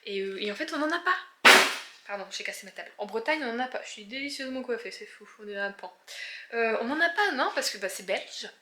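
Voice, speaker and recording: A young woman with a northern French accent chats animatedly to her camera, her voice sitting a little high. Her tone is bright and forward, and she keeps the talk loose with lots of fillers. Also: fast talker. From northern France. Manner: chatty, animated, many fillers. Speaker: book vlogger. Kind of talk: casual vlog chat.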